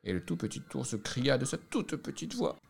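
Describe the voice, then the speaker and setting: Un homme qui lit un conte de fées à voix haute, avec des accents appuyés et traînants. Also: male voice, mid-range voice, gravelly, breathy edge. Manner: expressive, drawn-out emphasis. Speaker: storyteller. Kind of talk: reading a fairy tale aloud.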